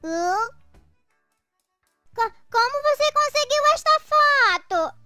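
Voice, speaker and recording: Reluctant little boy, children's cartoon, protesting and resigned, bright high voice. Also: big pitch swings, slow, no echo, soft background music, heavily acted. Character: timid put-upon smelly little boy, reluctant sidekick. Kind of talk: children's comic-strip dub.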